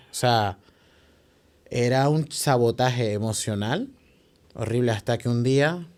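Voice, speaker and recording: A young Venezuelan man with a fairly low voice recounts a hard stretch of his life as a podcast guest. He talks quickly and emotionally, restarting phrases and tossing in tag questions. His Venezuelan Spanish accent is clear throughout. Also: darkish tone. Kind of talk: telling a personal story in an interview.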